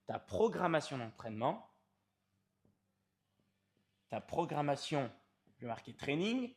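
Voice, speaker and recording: A man's voice: fairly high pitch, very animated, takes it slowly. A man, a fitness coach explaining training to the viewer in an informal, emphatic way, stretching key words.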